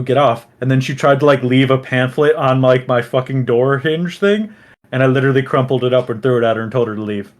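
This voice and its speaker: A young man with a mid-pitched voice talks bluntly on a podcast. He curses freely and mimics other people's voices while telling a story. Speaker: podcast co-host. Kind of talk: casual chat.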